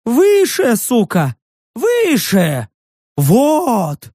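A man voicing a jittery, touchy furry male beast-man who yelps and shouts in a high, strained voice. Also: huge pitch swings, extremely slow, slightly rough, dry recording, clean studio sound, heavily acted. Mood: eager, boastful. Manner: high yelping, defensive shouting.

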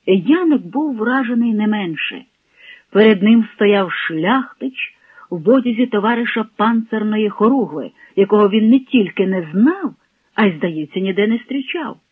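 A man's voice: high voice, lively intonation, moderate pace, husky, no room sound. A man reading a novel aloud expressively and giving each character a voice. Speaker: narrator. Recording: tinny lo-fi radio broadcast.

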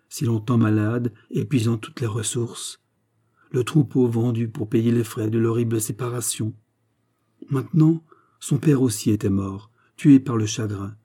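A man reading a classic fairy tale aloud in a measured, expressive storybook narration. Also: mid-range voice.

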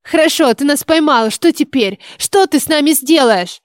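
A woman reading the lines of a frightened but brave young girl in an audiobook, with a high, pleading and defiant delivery. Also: brisk, a little mellow, dry recording, clean studio sound, close to an everyday voice.

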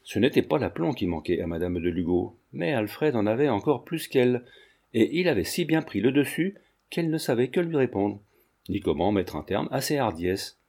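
A man narrating a classic novel in a steady, measured way. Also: medium pitch, vocal fry. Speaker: audiobook reader.

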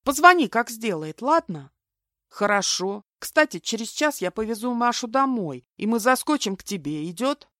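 Sleepy grumpy girl friend, read by a woman, bit high, dry sound. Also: very animated, normal speed, pushed and bright, no echo. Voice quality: drowsy, blunt.

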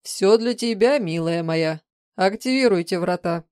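A woman's voice: on the low side, a little slow, darkish tone, no room sound, studio quality, natural voice. A woman reading an audiobook, voicing a smug, scheming older man who talks indulgently. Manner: pleased, indulgent.

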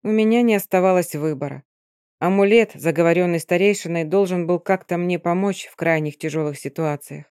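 An audiobook narrator reading a first-person dark fantasy story in a steady storytelling manner. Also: medium pitch, brisk, clean tone, no room sound, clean studio sound.

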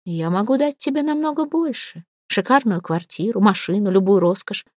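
A woman reading the lines of a pushy, lecherous male business tycoon in an audiobook, in a slow, soft, insinuating way. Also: mid-range voice, lively intonation, no room sound, clean studio sound, lightly acted. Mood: suggestive, insinuating.

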